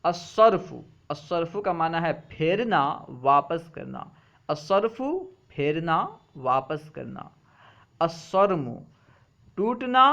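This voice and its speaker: A man teaching a lesson, reading each word with its meaning and then repeating both in a steady drill. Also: on the high side. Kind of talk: reading a vocabulary list aloud with meanings. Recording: dull, muffled lo-fi recording.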